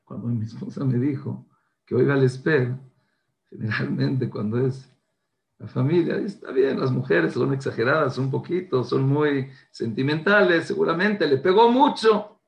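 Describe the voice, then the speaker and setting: A man's voice: medium pitch, normal speed, vocal fry, muffled recording. A man giving an inspirational religious talk, telling a story earnestly and mixing Hebrew religious terms into his speech. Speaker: religious speaker.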